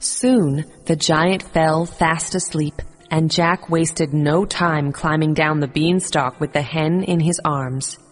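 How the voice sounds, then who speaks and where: Woman narrator for a kids' story, husky low voice, calm and measured. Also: long reverb tail, soft background music. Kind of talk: scripted narration of a children's fairy tale.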